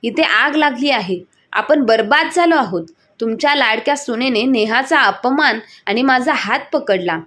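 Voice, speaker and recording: A woman voicing an angry, domineering older mother-in-law who scolds in a shrill, bossy way. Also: expressive, moderate pace, fairly bright tone. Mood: wailing, indignant.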